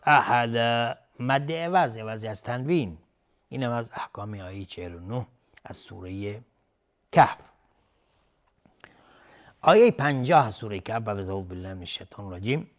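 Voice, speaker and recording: A man teaching Quran recitation, chanting verses slowly and melodically, then explaining the rules in quick, lower speech. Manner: melodic slow chanting, then rapid low-voiced explanations.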